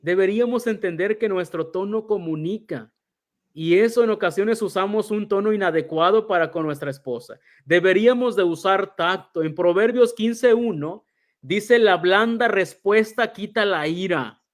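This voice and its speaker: A man's voice: high voice, normal speed. A man giving a conversational Bible teaching, calling his listeners brother and acting out everyday examples.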